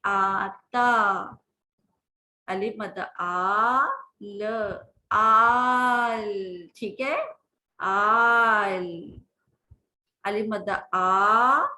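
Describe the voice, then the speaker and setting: A woman teaches beginners their Urdu letter sounds, stretching each one out slowly and patiently. Her voice is bright and a little high. The room around her is echoey. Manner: patient, drawn-out sounding of letters, frequent "theek hai". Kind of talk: slow phonics lesson with slides.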